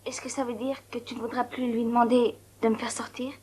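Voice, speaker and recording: A woman's voice: high voice, a little fast, lightly acted. A woman dubbing a lonely young hospital patient in a French film, eager and confiding.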